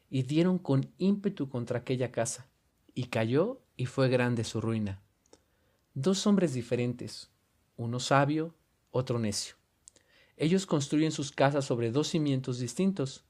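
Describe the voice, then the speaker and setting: A man with a Mexican Spanish accent preaching a sermon and reading scripture aloud in an earnest, measured way with emphatic stresses. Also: medium pitch, darkish tone.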